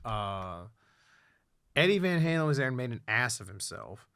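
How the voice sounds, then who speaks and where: A man hosting a podcast in casual chat, rambling with lots of fillers and swearing, getting quieter on somber points. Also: sing-song, normal speed, creaky, clear, resonant tone, no room sound, studio quality. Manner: rambling, profane, many fillers, drops low when somber. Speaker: podcast host.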